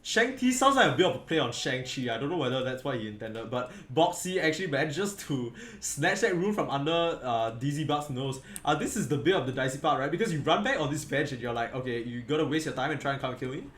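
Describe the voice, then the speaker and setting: A man's voice: fairly high pitch, sing-song, a little fast, hardly any pauses, fairly bright tone. A tired man casting an esports match, rambling, correcting himself mid-sentence and leaning on fillers. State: tired, yawning. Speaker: esports caster. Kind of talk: casual game commentary. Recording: echoey room with faint background noise.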